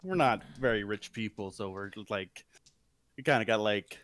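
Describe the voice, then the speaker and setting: A man playing a tabletop game, telling his card-sharp moves in a playful, chatty way. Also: lowish voice, expressive, normal speed. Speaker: player. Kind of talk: in-character play at the table.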